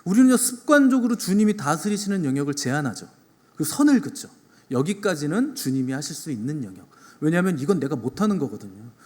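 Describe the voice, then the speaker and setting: A male pastor preaching a Sunday sermon, swinging between loud emphatic peaks and soft low asides and putting rhetorical questions to the congregation. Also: sing-song, fast, big-room sound. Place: church sanctuary.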